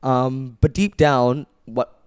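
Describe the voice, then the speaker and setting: Smooth-voiced young man telling his story. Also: medium pitch, flat delivery, slow, darkish tone. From Ethiopia. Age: 20s. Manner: earnest, reflective storytelling. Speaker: clothing brand founder. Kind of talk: casual podcast chat.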